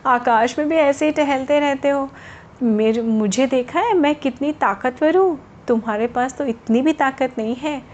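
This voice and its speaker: A woman's voice: high voice, moderate pace, darkish tone, lo-fi sound, lightly acted. A woman voicing the wind as an arrogant, boastful female spirit who taunts and mocks in a storybook tale. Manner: mocking, taunting, cackling.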